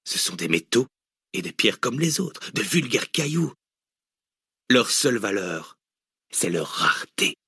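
A male audiobook reader voicing a cynical, deranged hooded villain who lectures mockingly and erupts into shouts. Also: lowish voice, big pitch swings, unhurried, long pauses, husky, dry recording, clean studio sound, heavily acted. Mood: lecturing. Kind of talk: audiobook reading.

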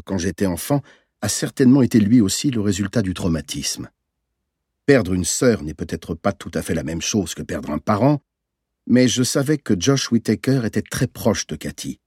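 A man narrating a novel in the first person, in a measured, reflective storytelling manner. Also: on the low side, darkish tone, husky, dry recording, studio quality. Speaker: audiobook narrator.

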